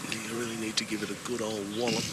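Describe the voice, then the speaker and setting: A man with a lowish voice gives live golf commentary. His remarks are clipped and understated, set against very loud outdoor noise. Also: level tone, quick pace. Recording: very noisy outdoor sound.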